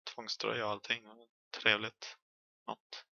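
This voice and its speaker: Young Swedish man, gravelly and bright, casual horror let's play chatter with yelps. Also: fairly low pitch, completely flat delivery, no room sound, muffled recording. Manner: chatty, jokey, yelps and shouts when chased. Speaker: gaming streamer.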